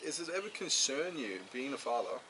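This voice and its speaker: A man hosting a relaxed conversation, rambling and chatty with lots of fillers. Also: mid-range voice, a little fast. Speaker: host. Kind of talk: casual conversation. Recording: noticeable background noise.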